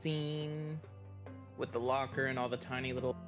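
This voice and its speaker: A man's voice: mid-range voice, little pitch movement, moderate pace. A man talks casually as a player in an online tabletop session. His voice-chat mic keeps cutting out, so his words come through choppy and the ends of his sentences get lost. The sound is dull and lo-fi, with music playing underneath. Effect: choppy mic cutting out, clipped word endings.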